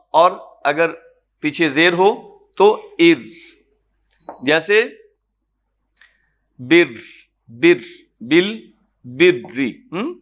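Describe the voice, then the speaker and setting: A man teaching Quran recitation in a classroom lecture, explaining patiently, checking that students follow and chanting example words slowly. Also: sits high, fairly bright tone. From Pakistan. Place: lecture room in an academy.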